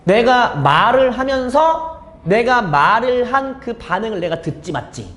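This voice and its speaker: A man's voice: very high voice, big pitch swings, measured pace, fairly bright tone, roomy sound. A man teaching an English exam lesson, asking the students questions and then answering them himself. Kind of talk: exam explanation lecture.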